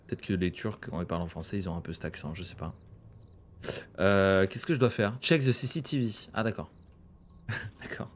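A man casually commentating a horror game, chatty and joking with slang and asides. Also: lowish voice. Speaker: gaming streamer. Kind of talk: let's play commentary.

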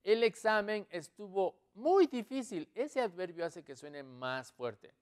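A man teaching English in an online lesson, explaining slowly and repeating each example sentence. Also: high-pitched, animated, smooth.

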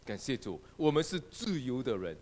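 A man's voice: medium pitch, sing-song, moderate pace, a little mellow. A male pastor preaching a sermon with emphatic, exclamatory delivery.

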